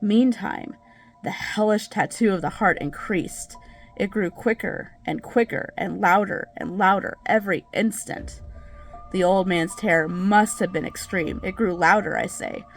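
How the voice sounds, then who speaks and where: A woman's voice: mid-range voice, close to an everyday voice. A woman playing a crazed, nervous murderer in a theatrical, hammy stage reading of a gothic horror story, drawing out words with obsessive intensity. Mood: agitated, insistent.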